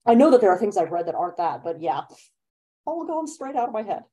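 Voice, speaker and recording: Leading the discussion from her bedroom, a young adult woman who is an author and event moderator talks on a casual video call through her laptop's webcam mic. Her medium-pitched voice is husky, and she's lively and quick to laugh, picking up speed as she gets animated.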